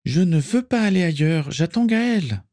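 A man voicing a gentle, stubborn young Japanese woman in a read-aloud story, speaking softly and shyly. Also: medium pitch, normal speed, no echo, studio quality, voice pushed up, natural voice. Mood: quiet, stubborn.

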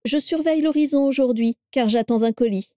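Brief: breezy, unflappable old matriarch, mellow and dry, read by a woman. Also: mid-range voice, unhurried, dry recording, lightly acted. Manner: placid, breezy, gently mocking. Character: cheerful, self-assured elderly mother who keeps strange animals.

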